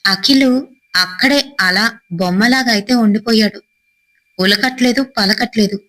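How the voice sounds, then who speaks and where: A woman's voice: moderate pace, a bit bright, low-quality recording. A woman narrating a horror story, acting out the characters' frightened cries. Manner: dramatic, voices characters' cries with a raised pitch.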